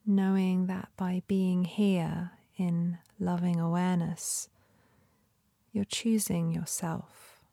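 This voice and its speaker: Female meditation guide, lowish creaky voice, soft and breathy, soothing and unhurried. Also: level tone, no echo. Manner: gentle, soothing, unhurried instruction with long pauses.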